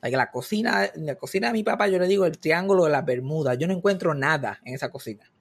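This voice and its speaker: Puerto Rican male host, casual comic storyteller, slightly raised pitch. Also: quick pace, gravelly, slightly rough. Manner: animated comic storytelling, mixing in English words. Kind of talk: casual chat.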